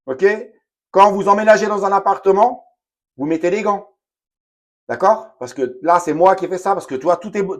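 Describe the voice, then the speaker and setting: Slangy, chatty man, high voice. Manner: blunt, slangy, chatty, addresses viewer directly. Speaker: DIY home repair vlogger. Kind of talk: casual hands-on demonstration. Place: home bathroom.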